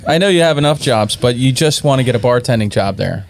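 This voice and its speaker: A friendly man with a New Jersey accent chats as a guest about running brewery tours. He laughs often and keeps the tone relaxed. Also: mid-range voice, fast talker, noisy background. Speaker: brewery tour company owner, guest. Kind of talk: casual chat over beers.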